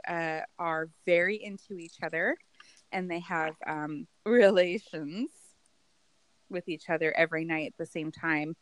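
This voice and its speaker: A woman co-hosting a casual chat, recapping a TV show in an animated, giggly way with some swearing. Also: lowish voice, no room sound. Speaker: podcast co-host.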